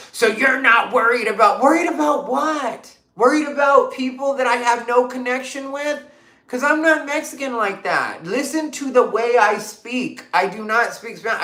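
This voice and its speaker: Reading comments on a casual livestream, this Arizona woman asks one emphatic rhetorical question after another, with lots of fillers. Her medium-pitched voice has a fairly bright tone, and the recording is reverberant.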